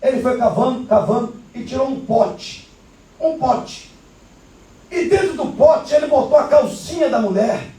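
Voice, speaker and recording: A man preaching a fervent sermon in a church, shouting and acting out the voices in his story. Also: extremely high pitch, a little slow. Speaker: pastor. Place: church sanctuary. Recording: echoey church from far mic.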